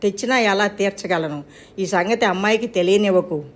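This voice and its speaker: A woman's voice: medium pitch, fairly quick, close to an everyday voice. A woman voicing a worried, aging retired schoolteacher father who speaks in a pleading, soothing way in a storybook reading. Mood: weary.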